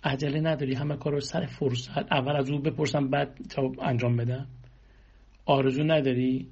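A man's voice: medium pitch, little pitch movement, a little mellow, husky. A man giving a spiritual sermon, exhorting listeners with rhetorical questions and long lists, on a dull lo-fi recording. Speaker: religious speaker.

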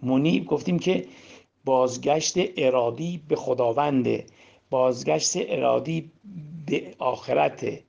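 A man with a deeply gravelly, husky voice preaches a sermon on scripture, posing questions and answering them himself. He swings from loud emphasis to hushed demonstration. The recording sounds dull and lo-fi. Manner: asks and answers his own rhetorical questions. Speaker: religious teacher. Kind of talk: sermon explaining Quran verses.

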